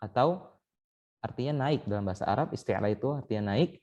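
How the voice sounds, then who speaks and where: Patient man teaching recitation, mellow tone. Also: medium pitch, animated, fairly quick, muffled recording. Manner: patient, explains step by step and sounds out letters as examples. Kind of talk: online training lesson. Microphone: online call.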